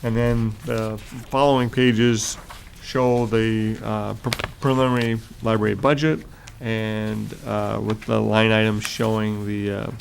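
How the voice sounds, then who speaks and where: A man chairing a public board meeting who reads agenda items aloud in a formal, halting way with frequent fillers. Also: lowish voice, level tone, vocal fry, a little hiss or hum. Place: meeting room.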